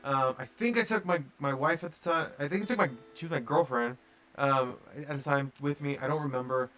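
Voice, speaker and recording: A man's voice: fairly high pitch, a little fast, fairly bright tone. A man telling a long casual story on a livestream, rambling with lots of fillers and acting out the dialogue. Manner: rambling, filler-heavy, acts out quoted dialogue. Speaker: streamer.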